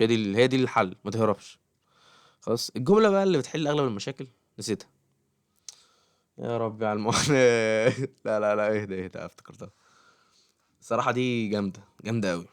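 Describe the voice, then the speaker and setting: A man's voice: mid-range voice, no room sound, clean studio sound. A man with an Egyptian Arabic accent giving casual study advice straight to camera, often checking that the listener follows him. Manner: keeps checking in with the listener, talks straight at them.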